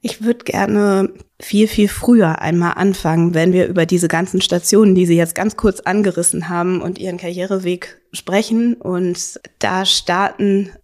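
A woman hosting a podcast interview, asking long and measured questions. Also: fairly low pitch, steady tone, darkish tone.

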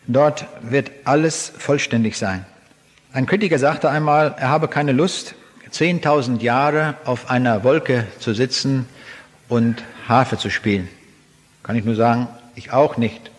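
A man delivers a sermon in an earnest, deliberate manner, leaning on each quoted verse with slow emphasis. His voice sits at an ordinary middle pitch. It rings out with the long reverb of a large hall or church. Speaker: preacher.

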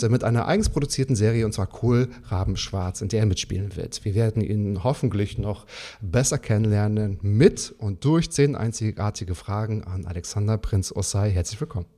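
A man's voice: lowish voice, dark tone. A man hosting a podcast interview in a chatty, enthusiastic, casual way.

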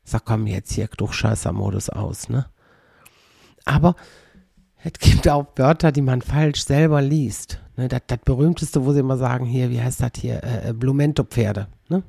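A man's voice: mid-range voice, normal speed, gravelly, dark tone, breathy edge, no echo, clean studio sound. A man hosting a podcast in a rambling, wry casual monologue, often mimicking how people pronounce words. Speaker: podcast host.

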